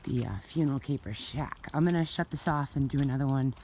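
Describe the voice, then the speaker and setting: A woman's voice: very deep voice, brisk, dark tone. A woman films herself on a handheld phone while she walks an outdoor winter cemetery. She talks loosely and thinks aloud as she goes, with frequent fillers, and sounds a little winded from the walk. A faint noise hangs in the background. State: slightly out of breath from walking. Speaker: author giving a tour. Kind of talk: casual walking vlog.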